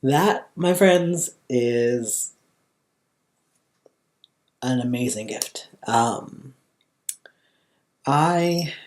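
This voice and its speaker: A young American man with a slightly husky voice and a valley girl way of talking, chatting casually in a personal vlog. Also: medium pitch. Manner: valley girl inflection, drawn-out casual phrasing. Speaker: vlogger.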